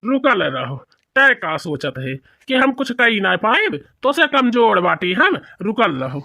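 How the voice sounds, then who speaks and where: A man's voice: high-pitched, very animated, measured pace, gravelly, bright, forceful tone, no room sound, exaggerated voice. A man voicing a thin, complaining old village husband in a cartoon, with a whiny, grumbling manner. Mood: whining. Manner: whiny and grumbling, with rustic dialect. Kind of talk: cartoon voice acting.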